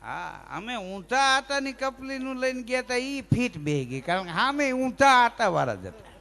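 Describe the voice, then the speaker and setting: A man telling comic folk stories, animated and mimicking characters with stammers and snatches of song. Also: very high voice, moderate pace, creaky, big-room sound. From Gujarat, India. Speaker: folk storyteller and humorist.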